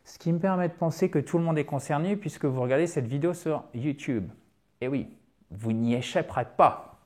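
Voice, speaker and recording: Man, English teacher, chatty online lesson, fairly high voice. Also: a little fast. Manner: lively, chatty, with asides to viewers.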